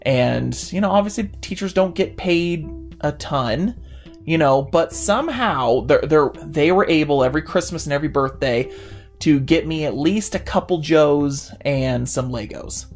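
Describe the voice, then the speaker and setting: A man in his thirties chats on a casual podcast, his voice rising and falling with lively energy as he trips over restarts and fillers. Faint music plays under him. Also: a little high, unhurried. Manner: animated, many restarts and fillers. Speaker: podcast co-host. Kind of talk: casual chat.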